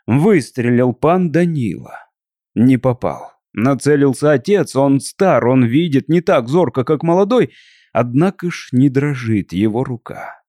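A man's voice: mid-range voice, animated, dark tone, dry recording, clean studio sound. Man narrating a dramatic tale. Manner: measured, dramatic storytelling. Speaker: audiobook narrator.

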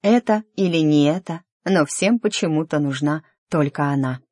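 A reader voicing an emotional young noblewoman in an audiobook, speaking in a pleading, higher voice. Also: normal speed, a little mellow, dry recording, clean studio sound, natural voice. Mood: sad. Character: young noblewoman, agitated and hurt. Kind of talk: audiobook character dialogue.

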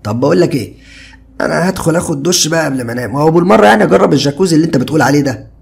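A man's voice: on the high side, animated, very fast, gravelly, pitched above the performer's own voice. A man voicing a carefree young male friend who jokes and brushes off worry, in an Egyptian Arabic accent. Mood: teasing. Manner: easygoing, joking, brushes off worry.

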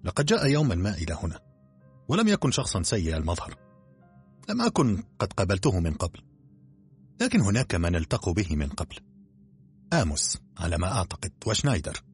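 A man's voice: sits low, big pitch swings, fast talker, pauses often, husky, faint music behind, exaggerated voice. A man voicing a matter-of-fact male secretary recounting what he knows. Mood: plain.

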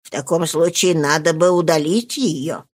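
A woman's voice: sits low, darkish tone. Woman reading as a grave male doctor. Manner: measured, slow and matter-of-fact.

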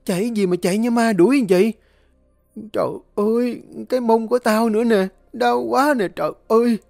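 A woman's voice: on the high side, moderate pace, vocal fry, a little mellow, dry recording, studio quality, soft background music, pitched above the performer's own voice. A man voicing a fussy, scolding old woman in a storybook tale, wailing over her complaints. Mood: scolding, whining. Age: older.

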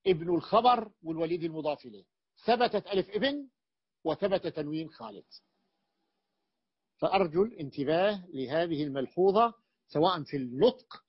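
A man teaching Arabic grammar as a sheikh, explaining slowly and repeating his points with fillers and restarts. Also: high-pitched, breathy edge, no echo, lo-fi sound. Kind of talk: classroom lecture.

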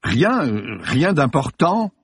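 A man puts on a vain, easily rattled male film star in an audiobook. The voice sits well above the reader's own, loud and shrill, swinging wildly between scorn and panic. A husky edge and a dry, close sound. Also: sing-song, moderate pace, no echo. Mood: flustered. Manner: shrill, blustering then pleading. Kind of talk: audiobook character voice.

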